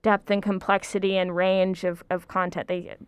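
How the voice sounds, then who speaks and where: A woman's voice: medium pitch, flat delivery, moderate pace, clean tone, no room sound. A woman lecturer talking film on a podcast, thoughtful and hedging, with frequent ums and likes. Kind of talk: casual podcast discussion.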